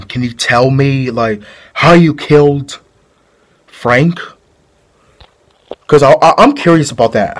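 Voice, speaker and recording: A man plays a curious male questioner in an amateur home-video drama, gently coaxing a friend to talk. He asks probing questions in a slow, unhurried way. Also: mid-range voice.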